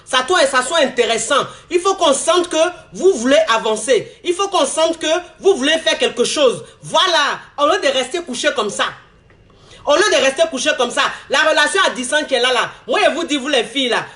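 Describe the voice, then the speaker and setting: Brief: Ivorian man, high and congested with a cold, chatty slang-heavy advice vlogger. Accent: Ivorian French. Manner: animated, repetitive, chatty street slang. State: congested with a cold, throat-clearing. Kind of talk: casual advice monologue to viewers.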